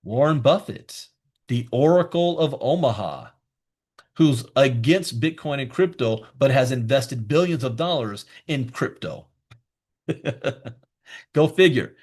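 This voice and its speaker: A man's voice: medium pitch, animated, slow pace, darkish tone, husky. A man hosting a live online crypto class, talking in a chatty, emphatic way with asides to his viewers. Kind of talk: live online teaching session.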